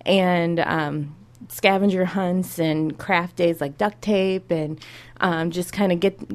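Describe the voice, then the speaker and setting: A woman's voice: fairly low pitch, darkish tone. A young adult woman from Iowa, a public librarian, talking upbeat and in detail as an interview guest. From Iowa, USA.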